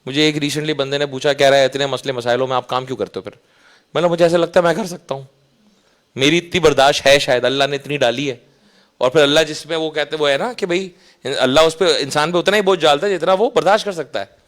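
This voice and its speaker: Pakistani guy, kinda high voice, chatty storytelling talk to students. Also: fast talker, fairly bright tone. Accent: Pakistani Urdu. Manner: casual, anecdotal, asks 'right?' often. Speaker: invited speaker.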